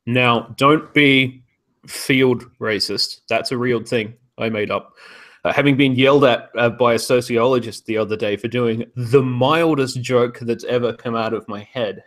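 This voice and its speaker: A man's voice: mid-range voice, steady tone, a little slow. A man co-hosting a podcast in casual chat, ranting sardonically and swearing freely. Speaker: podcast co-host.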